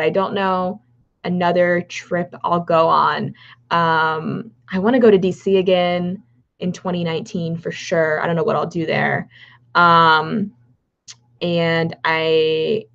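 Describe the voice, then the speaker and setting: A woman's voice: on the low side, creaky. A young woman with a Valley girl accent, chatting casually on a livestream and answering viewer questions with lots of fillers and restarts. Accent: Californian. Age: young adult. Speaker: livestream host. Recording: dull, lo-fi livestream audio.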